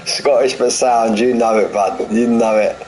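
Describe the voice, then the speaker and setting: Speaking at a measured pace, a man with a darkish voice on the low side calls a sim race live; the audio is poor with slight background noise. In his forties, this commentator and streamer is chatty and jokey, repeating phrases and bantering with viewers between the action.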